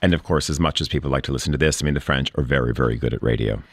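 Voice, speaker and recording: A man's voice: very deep voice, very fast, dry recording. A male radio host chatting casually on a studio panel, often stammering and repeating words.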